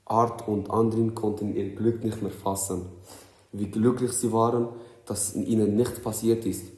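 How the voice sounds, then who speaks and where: A man's voice: on the low side, little pitch movement, unhurried, darkish tone. A young man reading his own story aloud in plain German, now and then tripping over words and correcting himself. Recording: roomy echo.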